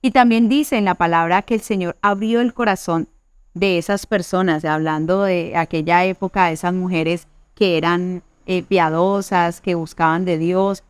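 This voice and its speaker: A woman's voice: fairly low pitch, smooth, no room sound. A woman from Colombia preaching to a youth meeting in an earnest way, acting out quoted churchgoers. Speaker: youth pastor.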